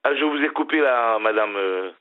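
A man's voice: mid-range voice, lively intonation, moderate pace. Middle-aged male caller, smiling, stop-start delivery; thin phone-line audio. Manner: hesitant, repeats and restarts words. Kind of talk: casual phone-in chat. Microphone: telephone.

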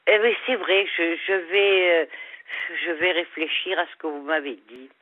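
An older woman with a Southern French accent, calling in to a radio show, halting and repeating her words. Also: fairly low pitch, no room sound. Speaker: caller. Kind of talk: radio call-in. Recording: phone line.

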